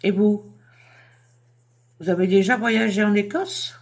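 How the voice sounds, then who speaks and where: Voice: medium pitch, a little slow, gravelly. A speaker who talks casually to camera about a business project, in a chatty and hesitant way with many fillers. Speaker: entrepreneur presenting a themed business project.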